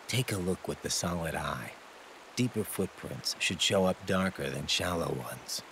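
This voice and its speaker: Deep-voiced patient tactical adviser. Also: male voice, animated, unhurried. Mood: patient, instructive. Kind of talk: game mission briefing dialogue. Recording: noisy, hiss like rain.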